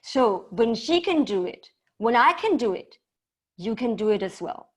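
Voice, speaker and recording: Speaking at a measured pace with big pitch swings, a woman who works as a voice coach and speaker leads an interactive talk over a video call. Her English is slightly non-native, and she varies pitch and loudness for effect.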